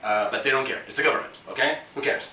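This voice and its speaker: A man's voice: medium pitch, fast talker, pushed and bright. A man hosting a podcast, giving a rambling, joking lesson full of fillers and asides. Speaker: podcast host teaching Japanese. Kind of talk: casual spoken lesson. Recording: roomy, distant from the mic, faint background hum.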